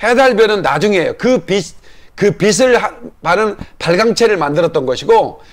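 A male pastor delivering a teaching sermon in a notably high voice for a man. He lays out his points one at a time, pauses to ask the congregation whether they follow, and invites them to answer amen. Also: expressive. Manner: asks the congregation questions and calls for amens; explains slowly step by step. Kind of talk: sermon-style Bible lesson.

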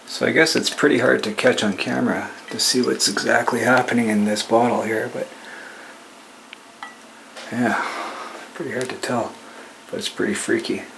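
A man's voice: mid-range voice, fairly even intonation, normal speed, vocal fry, pauses often, noisy background. A man in his thirties casually vlogging at home, chatty and a bit grumbly. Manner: laid-back, chatty, mildly grumbling. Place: home kitchen and living room. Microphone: camera mic.

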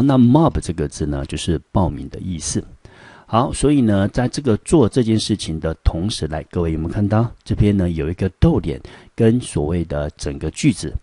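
Male English teacher, Taiwanese Mandarin accent, low dark voice, dry close recording, lecture pacing with fillers. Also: husky, no room sound. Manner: frequent fillers "好" and "呢", rising pitch on prompts, slow syllable-by-syllable spelling. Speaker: high school English teacher. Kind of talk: recorded classroom lesson explaining vocabulary and grammar.

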